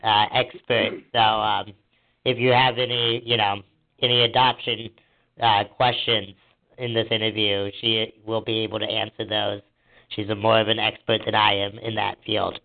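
A man's voice: fairly low pitch, level tone, moderate pace, creaky. A man, a guest on an upcoming interview, chatting agreeably and hesitantly over a speakerphone, with many fillers. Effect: heard over a speakerphone. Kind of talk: casual call before an interview. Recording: tinny speakerphone line.

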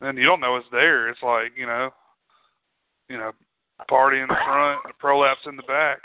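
A man's voice: medium pitch, flat delivery, normal speed, no echo. A man co-hosting a podcast, bantering crudely with plenty of profanity and laughter. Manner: joking, profane, laughs often. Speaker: podcast co-host. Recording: dry, phone-like narrow sound.

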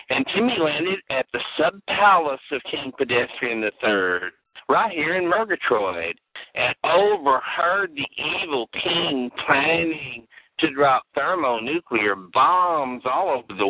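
A man playing a sugary aunt-like teacher on a children's history show, in a slow, sing-song, overly sweet comedic style. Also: fairly high pitch, dry recording, heavily acted. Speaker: children's history-lesson host. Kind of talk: comedic kids' show parody. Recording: tinny phone-like dry radio sound.

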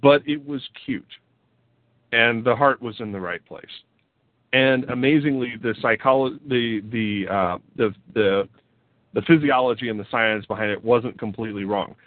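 A man's voice: mid-range voice, moderate pace, no echo. Man, podcast host, wry, laughs often, dry tinny audio. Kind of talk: casual podcast chat. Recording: dry, phone-like lo-fi sound.

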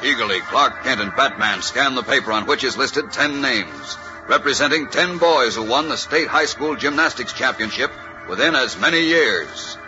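A man's voice: mid-range voice, animated, moderate pace, lo-fi sound, close to an everyday voice. An American man narrating a serial as a dramatic, suspense-building 1940s radio announcer. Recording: old radio recording with loud music.

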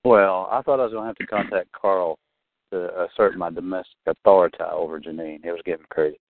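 A man's voice: low-pitched, fairly even intonation, no room sound. Teasing man on a phone call. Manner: joking, teasing, quick to quote others. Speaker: call-in show participant. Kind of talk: casual group call chat. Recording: phone-line audio.

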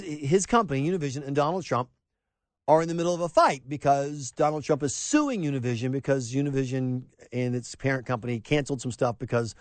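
A man's voice: medium pitch, dry recording. A middle-aged man hosting a talk radio show from a diner, ranting in an opinionated, mocking way and acting out quotes. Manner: animated, mocking, acts out quotes. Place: broadcasting live from a diner.

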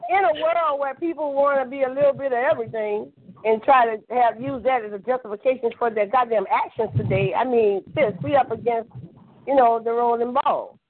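A woman calls into a podcast to discuss history in a casual phone chat, blunt and emphatic, repeating herself for emphasis and swearing along the way. Her voice is on the high side and fairly quick. The phone line sounds tinny, with a little hiss or hum.

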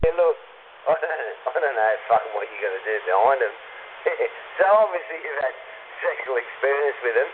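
A man's voice: medium pitch, expressive, normal speed. Crude Aussie man on noisy CB radio. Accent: Australian. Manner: crude, foul-mouthed, taunting banter. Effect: CB radio transmission. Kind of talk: casual CB radio chat. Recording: tinny, noisy narrowband CB radio with hiss.

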